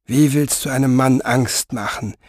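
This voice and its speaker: Guy doing a chill quiet fire-juggler, low and soft, totally unbothered. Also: unhurried, no room sound, studio quality, natural voice. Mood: unmoved. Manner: calm, unmoved, quiet. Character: calm fearless male fire-juggler, unmoved and wry.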